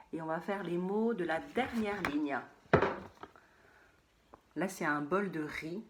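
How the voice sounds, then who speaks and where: Woman teacher doing a phonics lesson for little kids, real slow, repeats words, whispers some. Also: fairly low pitch. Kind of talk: phonics lesson for young children.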